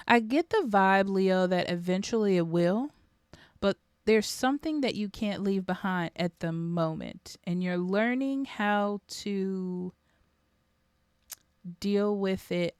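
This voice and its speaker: Smooth-voiced woman giving a casual tarot reading. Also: medium pitch, no echo, studio quality. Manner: reflective, speaks straight to the listener with frequent ums. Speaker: tarot reader.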